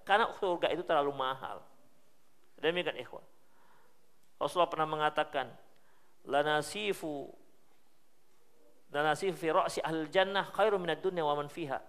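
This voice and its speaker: A male Islamic preacher with a Medan Indonesian accent, giving a sermon full of lively storytelling that swings between loud emphasis and soft hushed asides. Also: fairly high pitch, normal speed, pauses often.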